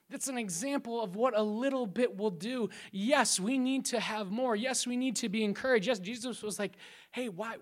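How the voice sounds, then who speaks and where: A man preaching a sermon. He acts out scripture scenes and sometimes drops to a hushed, prayerful tone. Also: extremely high pitch. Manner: acts out scripture scenes and crowd voices with playful sound effects.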